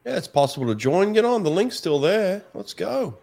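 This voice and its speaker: High-pitched and sing-song, this host's creaky, darkish voice moves at a moderate pace. He chats with callers on a casual live stream, laid-back and upbeat, calling them champ and mate.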